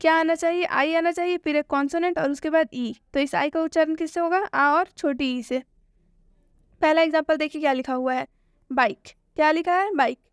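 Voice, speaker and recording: A woman gives a spoken English lesson. She asks questions and answers them herself, and she repeats each point slowly. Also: high-pitched, fairly even intonation, dry recording, studio quality. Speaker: English teacher.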